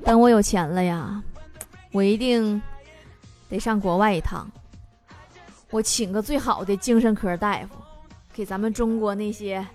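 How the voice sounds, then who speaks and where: A woman hosting a comic talk show, reading out listener messages and answering them with teasing, sharp-tongued jokes. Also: mid-range voice, measured pace, pauses often. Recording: studio voice over music.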